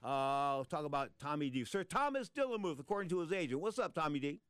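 A man's voice: on the high side, big pitch swings, fast, fairly bright tone, clear, resonant tone, no echo. A man hosting a sports talk show, giving punchy, opinionated boxing commentary in an emphatic way.

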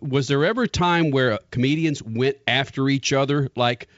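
A man's voice: mid-range voice, normal speed, no echo, dull audio. A man co-hosting a casual interview, joking and playful as he asks questions. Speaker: podcast co-host.

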